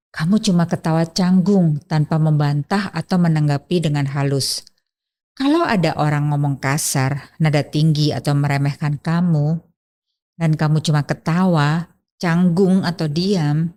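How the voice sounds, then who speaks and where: A woman delivers a scripted self-improvement talk on manners. Her voice sits low and sounds warm and relaxed. She explains calmly and gently, addressing the listener directly. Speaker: etiquette channel host.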